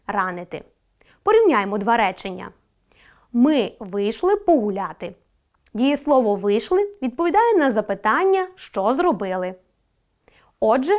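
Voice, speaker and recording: A woman teacher giving a scripted online grammar lesson, reading word pairs slowly and clearly with rising question tones. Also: fairly high pitch.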